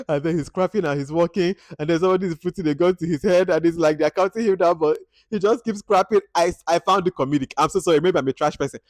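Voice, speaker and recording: A man from Nigeria, reviewing a film at home in an animated, expressive way, jumping between loud outbursts and quiet asides. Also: a little high, fast, hardly any pauses, no echo. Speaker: movie reviewer. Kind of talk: casual movie review vlog.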